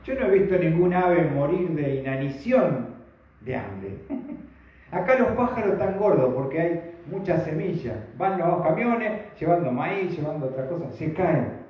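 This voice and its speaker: A man's voice: a little high, sing-song, measured pace. A man preaching a sermon with a Rioplatense Spanish accent, folksy and conversational, full of rhetorical questions. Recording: very echoey, dull sound.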